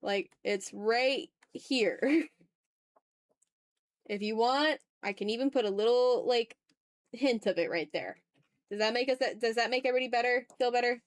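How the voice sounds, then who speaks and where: An art streamer chats casually while drawing on a livestream, teasing her viewers with playful mock exasperation. Her voice is on the high side, her pace moderate with frequent pauses, and there is no room sound.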